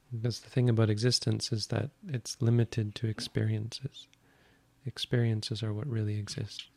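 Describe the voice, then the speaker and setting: A man's voice: on the low side, vocal fry, darkish tone, dry recording. A man, a Buddhist monk, answering audience questions in a frank, matter-of-fact way with dry, self-deprecating humour. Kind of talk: live question-and-answer session.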